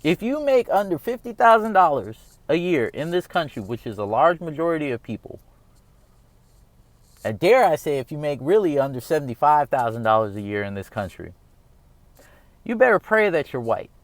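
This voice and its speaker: A man's voice: a little high, big pitch swings, normal speed, dry recording. A man in his thirties from the United States, talking through his opinions in a casual, earnest monologue that rambles and keeps circling back with "all right?". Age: 30s. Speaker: vlogger.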